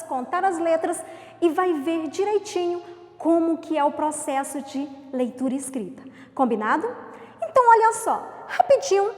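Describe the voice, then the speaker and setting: A woman with a Brazilian accent, teaching a remote class to young children in a slow, sing-song way, stretching out syllables. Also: sits high, darkish tone. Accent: Brazilian Portuguese. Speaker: primary school teacher. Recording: echoey room with long reverb.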